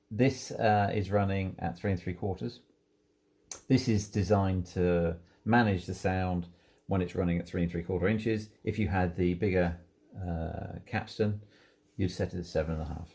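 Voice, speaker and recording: In a low, warm voice, a presenter shows off audio equipment in an informal, hands-on walkthrough. He explains everything at an easy pace, one step at a time.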